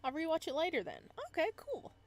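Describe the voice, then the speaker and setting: Reading a visual novel on her livestream, a woman chats in a high voice marked by huge pitch swings, talking a little fast. Her commentary stays casual, full of giggles and playful asides.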